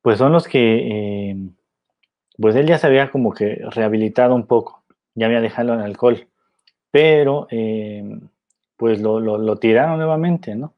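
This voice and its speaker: A man's voice: medium pitch, normal speed. A man talking casually about films, rambling with many fillers and tag questions. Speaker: film commentator. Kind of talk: casual film commentary. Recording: dull lo-fi recording.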